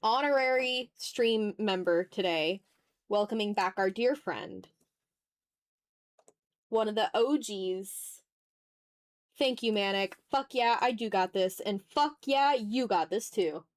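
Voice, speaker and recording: An art streamer and ASMR YouTuber hosts a livestream, chatting informally with her chat while she draws. Her mid-range voice moves slowly and rambles off the cuff, with no room sound at all.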